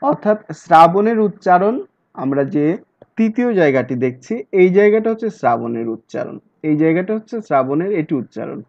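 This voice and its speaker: Lively man teaching a lesson. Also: a little high, fairly quick, creaky. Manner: explains step by step, repeats key words. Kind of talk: exam-prep lecture. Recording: dull lo-fi recording.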